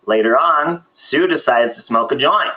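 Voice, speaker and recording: A man's voice: medium pitch, normal speed. Man telling a crude comic story. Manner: crude, animated, sound effects. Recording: dull old video audio, faint noise.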